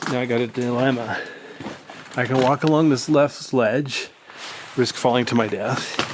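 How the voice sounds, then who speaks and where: A man's voice: medium pitch, background noise. A man narrating a casual exploration vlog inside a cave, rambling with dry humor, his voice echoing off the rock. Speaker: cave explorer filming himself.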